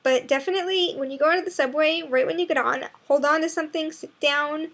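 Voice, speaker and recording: A woman's voice: sits high, fast, a bit bright. A sleepy young woman vlogging, chatting casually and rambling in a drowsy mumble. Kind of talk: casual chat to camera.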